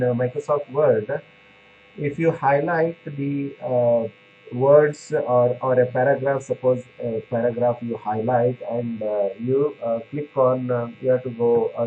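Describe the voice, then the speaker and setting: A man's voice: medium pitch, phone-quality sound, a little hiss or hum. A man giving a classroom lecture on pharmacy, explaining step by step with many fillers and restarts, checking in with "right?".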